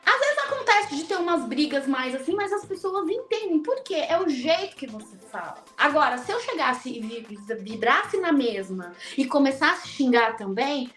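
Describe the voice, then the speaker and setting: A woman's voice: high-pitched, moderate pace, few pauses, roomy sound, soft background music. A middle-aged woman, a podcast guest talking casually and acting out the dialogue in her stories. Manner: animated storyteller, acts out quoted dialogue. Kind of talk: casual interview chat.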